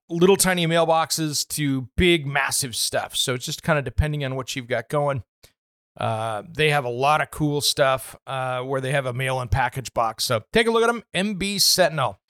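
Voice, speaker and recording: Male radio host, easygoing and chatty, slightly higher voice, dry studio sound. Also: clear, resonant tone, dry recording. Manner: chatty, relaxed, many "uh" fillers. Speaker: home improvement radio host. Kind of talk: casual product talk on radio show. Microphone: studio microphone.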